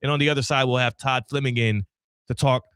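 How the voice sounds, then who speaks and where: A man hosting a sports radio show, talking in a loud, energetic and playful way. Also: mid-range voice, fast, smooth, no echo, studio quality. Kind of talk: casual radio talk. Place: radio studio.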